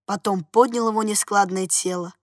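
A woman's voice: medium pitch, no room sound, clean studio sound. Woman reading a story aloud. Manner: measured, expressive storytelling. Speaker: reader. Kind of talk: literary narration.

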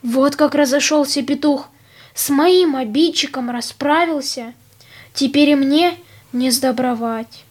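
A woman's voice: sits high, a little slow. Woman playing a timid whining hare. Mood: plaintive. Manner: plaintive, complaining tone. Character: timid cowardly male hare, tearful and complaining.

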